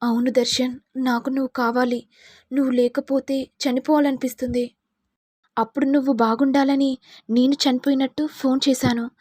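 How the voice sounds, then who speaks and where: A woman's voice: sits high, little pitch movement, normal speed, darkish tone, no echo, studio quality, voice pushed up. A woman voicing a scheming, manipulative young woman who pleads and pities herself.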